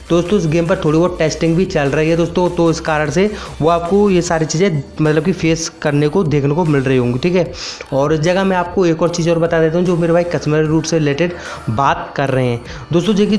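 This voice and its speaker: With background music playing, a YouTube gaming channel host gives a relaxed voice-over update. This young man's voice is fairly high with a darkish tone, and he tends to repeat himself while addressing viewers as friends.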